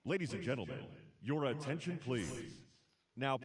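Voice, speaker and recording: Ballpark announcer through a loudspeaker. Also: male voice, mid-range voice, sing-song. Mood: announcing. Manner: slow, drawn-out announcing. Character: male ballpark public-address announcer. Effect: stadium public-address loudspeaker. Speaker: stadium announcer. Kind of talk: public-address announcements. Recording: distant loudspeaker over crowd noise.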